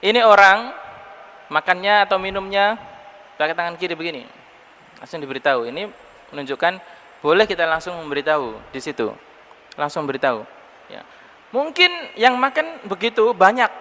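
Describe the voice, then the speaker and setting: A man giving a mosque study lecture on hadith, telling stories in an animated way and acting out the people he quotes. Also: high-pitched. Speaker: preacher teaching hadith. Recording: long hall reverb with faint noise.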